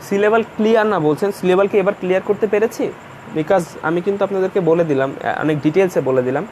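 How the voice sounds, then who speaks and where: In this online lecture, a male teacher covers English grammar in Bengali, speaking quickly in a high-pitched, slightly mellow voice. Some faint noise sits in the background, and he goes back over every point with patience.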